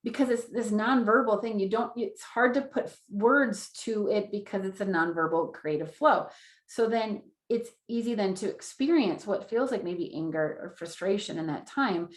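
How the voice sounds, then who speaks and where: A woman's voice: mid-range voice, normal speed, roomy sound. A woman in her thirties teaching an online class in an earnest, repetitive way and acting out inner voices as she explains. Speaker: Human Design teacher.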